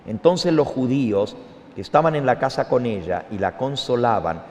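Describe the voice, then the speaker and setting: A man's voice: medium pitch, expressive, normal speed, darkish tone. A man preaching a sermon as a pastor, reading scripture and pressing listeners with rhetorical questions in an impassioned way. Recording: long reverberation.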